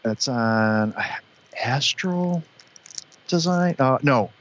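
A man's voice: mid-range voice, animated. A man hosting a live stream, casually chatting and naming each card as he opens packs. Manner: upbeat, names each card quickly with short reactions. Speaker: show host opening card packs. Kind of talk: casual chat, calling out cards.

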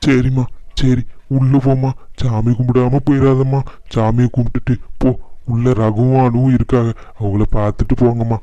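A man's voice: mid-range voice, flat delivery, normal speed, dark tone, dry recording, natural voice. A man voicing a weary middle-aged husband and elder brother in a cartoon, exasperated and pleading. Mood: consoling. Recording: dull lo-fi dry sound.

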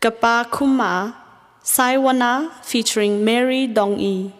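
A woman announcer reading out award nominees in a slow, measured way. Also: fairly high pitch, slight background noise. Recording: hall reverb with faint ambience.

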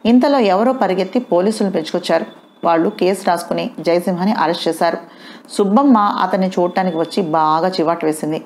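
A woman narrating an audio novel in a steady storytelling way. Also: fairly low pitch, brisk. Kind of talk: scripted narration.

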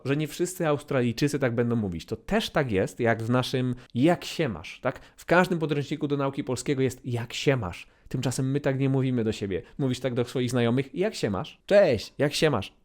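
A man teaching English greetings, playful, repeating example phrases with exaggerated swings in pitch and loudness. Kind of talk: online language lesson.

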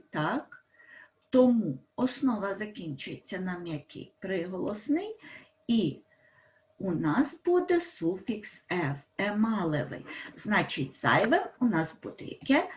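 A woman teacher talks through a grammar lesson at an unhurried pace. Her pitch moves a lot as she leans on each example word and puts questions to the class. The room around her sounds echoey. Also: big pitch swings. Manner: explains slowly, stresses words, asks pupils questions. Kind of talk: school language lesson.

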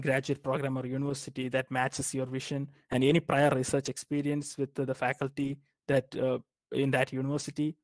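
A man's voice: medium pitch, no room sound. A young man from Kerala, India, giving informal advice on graduate school applications, speaking hesitantly with many fillers and restarts. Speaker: guest speaker. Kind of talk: informal academic advice talk.

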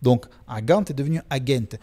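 A man with a Marseille accent, a sociolinguist guest, explaining pronunciation in a lively, expressive way and voicing examples aloud. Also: medium pitch, moderate pace. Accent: Marseille French. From Marseille, France. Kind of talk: casual explanatory interview.

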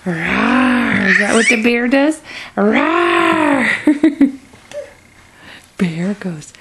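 A woman's voice: a little high, takes it slowly, a bit bright, a little hiss or hum. A young woman at home, using playful, coaxing baby talk with a toddler while filming on a handheld camcorder.

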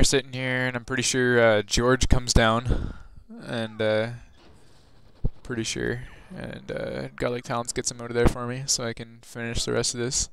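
A man's voice: medium pitch, a bit bright, clean tone, dry recording. A teenage guy casually narrating a gameplay walkthrough, rambling loosely with lots of fillers and restarts. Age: teens. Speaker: gaming video host.

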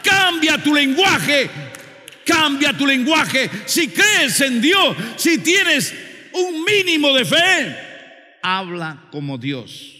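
A male preacher delivering a fervent sermon, pushing into shouted call-and-response and then dropping to low, earnest appeals. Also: very animated, extremely slow. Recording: long hall reverb with faint music.

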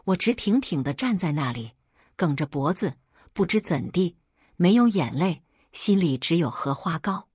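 A woman's voice: fairly low pitch, moderate pace, slightly rough, no room sound, studio quality. A woman storyteller reading a first-person story expressively. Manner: expressive, acts out dialogue. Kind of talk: first-person scripted narration.

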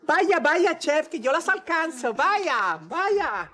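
A man's voice: very high voice, very animated, takes it slowly, noisy background, exaggerated voice. An actor playing a man disguised as a theatrical, fawning woman chef, in a telenovela comedy.

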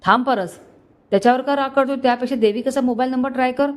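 A woman's voice: high-pitched, steady tone, fast, voice pushed up, lightly acted. A woman voicing an elderly wealthy father who sounds earnest and pleading, in a storybook reading. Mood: worried.

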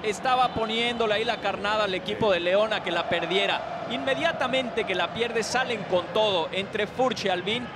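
A man giving emphatic, excited live football analysis as a match commentator. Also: high-pitched, normal speed. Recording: loud stadium noise behind. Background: loud stadium ambience.

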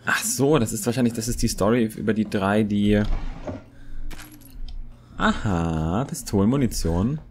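A young man quietly commenting as he plays a horror game, hesitant and thinking aloud. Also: fairly low pitch, a little slow, long pauses, slight background noise. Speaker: let's player. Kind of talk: gameplay commentary.

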